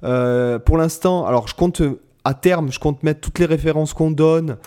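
Mellow-voiced man, hesitant podcast host. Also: fairly high pitch, measured pace, clean tone. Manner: hesitant, rambling, repeats words. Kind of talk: casual podcast chat.

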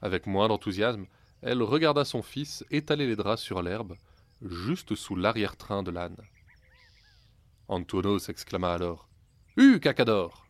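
Man, low voice, storyteller, wry, ironic, scripted fairy-tale narration. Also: a little slow, no echo.

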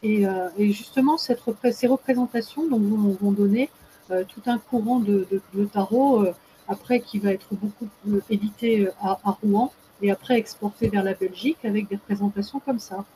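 A woman with a mellow, relaxed voice explains at length as a guest expert. She hesitates a lot, filling gaps and restarting her sentences. A faint noise sits under the recording. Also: medium pitch, moderate pace, low-quality recording. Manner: hesitant, many fillers and restarts. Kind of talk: casual explanatory talk.

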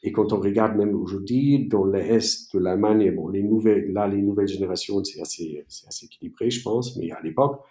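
A man from East Germany, a native German speaker, answering interview questions in a halting way with many fillers and restarts. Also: on the low side, warm tone, reverberant. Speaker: entrepreneur guest.

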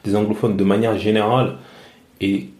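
A man in his thirties from France, speaking as an interview guest in a halting way, with many restarts and repeated words. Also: fairly low pitch, level tone, a little mellow. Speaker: interview guest, media founder. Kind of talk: casual interview talk. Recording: roomy echo.

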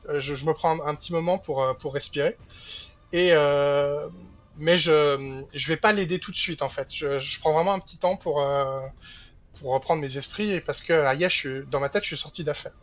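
Male player, slightly higher pitch, voice-chat mic; hesitant storyteller who keeps restarting. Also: moderate pace. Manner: hesitant, full of fillers and restarts. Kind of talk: narrating his character's actions in a tabletop game. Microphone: push-to-talk voice chat.

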